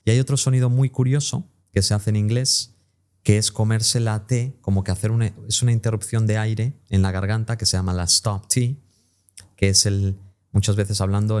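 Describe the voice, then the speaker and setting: A man, speaking as an interview guest. He explains English pronunciation clearly, stopping to sound out English words as examples. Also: low voice, a little mellow.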